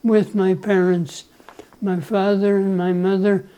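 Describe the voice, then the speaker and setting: A man in his nineties from El Salvador, whose first language is Spanish, telling his life story to his grandchild in an unhurried way, often clearing his throat and chuckling. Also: sits high, flat delivery, dark tone, rough recording. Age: 90s. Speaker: grandfather being interviewed. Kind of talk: relaxed life-story interview.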